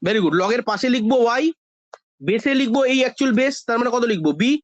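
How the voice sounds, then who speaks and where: A man's voice: very high voice, quick pace, dry recording, low-quality recording. A man teaching an online maths class, coaxing students and answering his own questions. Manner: coaxing, calls students "baba", asks questions and answers them himself.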